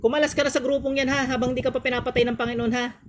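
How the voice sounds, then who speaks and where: A man working as a faith healer, who chants ritual prayers slowly and scolds in a stern, commanding way. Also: extremely high pitch, level tone, slight background noise. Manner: chanting in slow, drawn-out formulas. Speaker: faith healer performing an exorcism.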